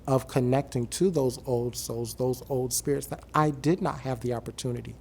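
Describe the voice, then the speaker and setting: A man from coastal Georgia, speaking earnestly and deliberately in a reflective documentary interview. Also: medium pitch, fairly even intonation, vocal fry, a little mellow, slight background noise. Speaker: member of a traditional singing group. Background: music.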